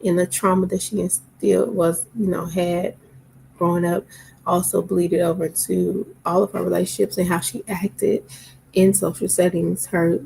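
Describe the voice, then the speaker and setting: Gravelly, low-voiced tired woman. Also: level tone, normal speed, a little mellow, a little hiss or hum, rough recording. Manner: rambling, tired, many fillers. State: sleepy, yawning. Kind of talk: casual talk to camera.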